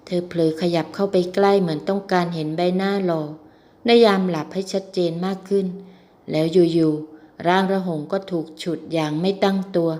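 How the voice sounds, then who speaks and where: A woman reading a romance novel aloud in steady, even storytelling, lifting her voice for the heroine's lines. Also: on the low side. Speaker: audiobook narrator. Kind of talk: scripted novel narration.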